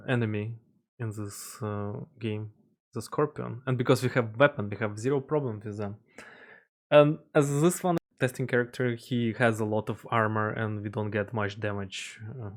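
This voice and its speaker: An indie game developer who isn't a native English speaker narrates a casual devlog about his game in a mid-range voice. He often halts, using fillers and starting sentences over.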